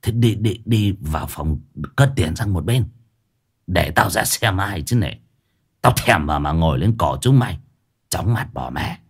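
A man's voice: low-pitched, animated, unhurried, slightly rough, full character voice. A man voicing a fat, lazy, greedy village chief who grumbles and curses coarsely. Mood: grumbling.

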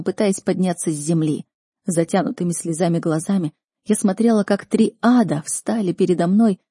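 A woman's voice: mid-range voice, mellow, husky, dry recording, studio quality. A woman narrating a first-person fantasy audiobook with an emotional, dramatic reading.

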